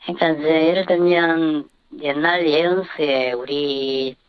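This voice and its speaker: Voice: medium pitch, fairly even intonation, unhurried, clean tone, dry recording. Disguised voice, altered by a voice changer. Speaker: anonymous interview guest. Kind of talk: radio interview answers. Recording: dull lo-fi disguised line.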